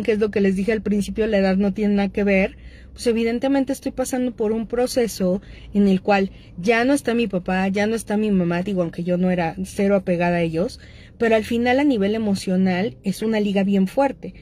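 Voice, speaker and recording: In a mellow, mid-range voice with fairly even intonation and a slightly quick pace, a middle-aged Mexican-accented woman hosts a talk on addictions. She keeps it casual, speaks right to her audience, and fills pauses often.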